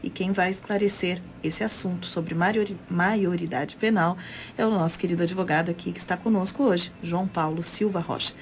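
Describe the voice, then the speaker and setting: A woman's voice: on the low side, steady tone, a little hiss or hum. A Brazilian woman hosting a live radio interview show, announcing the topic and contact details in an announcer-like way. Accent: Brazilian Portuguese. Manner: announcer-like, reads phone numbers and email slowly. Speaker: radio host. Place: radio studio.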